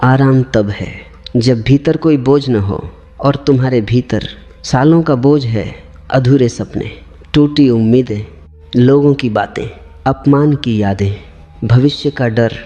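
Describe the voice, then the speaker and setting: Male spiritual teacher, mellow voice, calm repetitive discourse over faint music. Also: medium pitch, takes it slowly, lo-fi sound.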